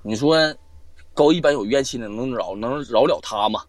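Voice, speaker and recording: On a live-stream show, a guest storyteller recounts a ghost story casually, cursing and performing the dialogue he quotes with lots of energy. He has a medium-pitched voice and a moderate pace, and the recording is dry.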